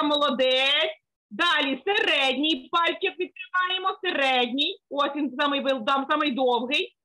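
High, bright-voiced woman teaching kids. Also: poor audio. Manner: sing-song, coaxing, lots of praise and diminutives. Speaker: children's teacher. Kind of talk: online kids' finger-exercise lesson.

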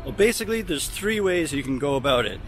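This time the thirtysomething vlogger sounds high and very animated, talking fast while walking through a city park and temple grounds. He chats casually and explains to his handheld camera at arm's length, with traffic and city ambience behind.

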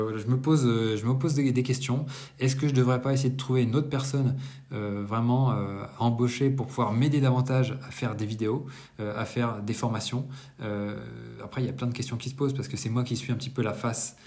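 In a bright apartment room, a man in his thirties with a medium-pitched voice gives a casual monthly business debrief to camera. He talks conversationally, hesitating often and correcting himself.

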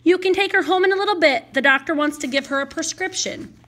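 Woman reading as a friendly brisk nurse, kind and bright, high voice. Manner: friendly, matter-of-fact.

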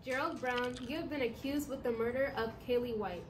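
Woman playing a judge, formal, highish voice, noisy background. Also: a little fast, lightly acted. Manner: formal, procedural. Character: stern female courtroom judge.

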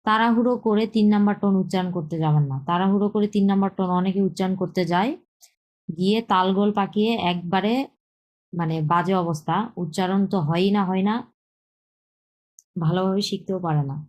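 A woman teaches a beginner Chinese lesson, repeating words slowly and mixing in English terms. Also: medium pitch, fairly even intonation, a little mellow, rough recording. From Bangladesh. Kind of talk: slow explanatory lesson with drilled pronunciation.

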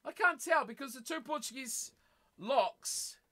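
Casual New Zealand male streamer, lively up-and-down delivery, joking with chat. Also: extremely high pitch, a little slow. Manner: chatty, teasing, laughs often. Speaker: streamer hosting a rugby watch party. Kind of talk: casual live-stream chat, reading chat aloud.

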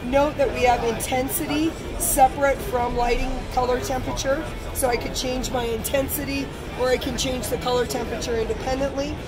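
A middle-aged woman giving a trade show product pitch, explaining it step by step as a demonstrator. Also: little pitch movement, a little fast, hardly any pauses, rough recording. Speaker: company representative demonstrating a product. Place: large busy trade show hall booth. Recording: busy crowd noise and music behind.

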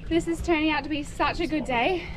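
A young woman chatting excitedly while fishing from a small boat at sea, recorded on an action camera. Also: sits high, a little fast. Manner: excited whoops and exclamations, chatty. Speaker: fishing vlogger. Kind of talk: casual fishing vlog commentary. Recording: loud wind and boat noise.

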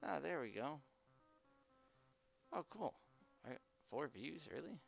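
Gravelly man talking through a face mask. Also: a little high, sing-song, soft background music. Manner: halting, hesitant, unpolished first-time streamer. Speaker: live streamer. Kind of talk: casual unscripted livestream chat.

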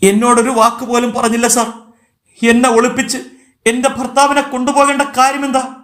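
A man voicing a distraught young wife and mother who pleads in a high, strained voice as she begs for answers. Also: level tone, normal speed, close to an everyday voice. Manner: pleading and shrill with panic.

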